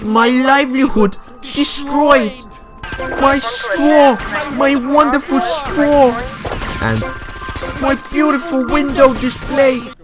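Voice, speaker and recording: A man voicing a distraught shopkeeper who wails in a high falsetto over his wrecked store. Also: fairly even intonation, slow pace, over music, poor audio. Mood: wailing.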